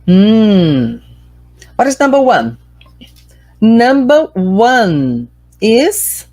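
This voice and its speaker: A woman's voice: medium pitch, darkish tone, husky, dry recording. A woman with a Brazilian Portuguese accent teaching an online English lesson, carefully drilling pronunciation and switching between Portuguese and English.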